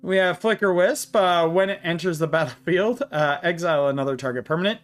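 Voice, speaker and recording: A man hosting a card game channel, walking through a deck and reading card text aloud in a halting way, short of breath. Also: sits high, soft background music. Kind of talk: deck tech walkthrough.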